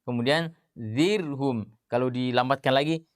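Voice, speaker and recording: A man teaching tajwid, explaining rules in plain speech and reciting example words slowly and drawn out, with many fillers. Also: mid-range voice, clear, resonant tone, no echo, studio quality.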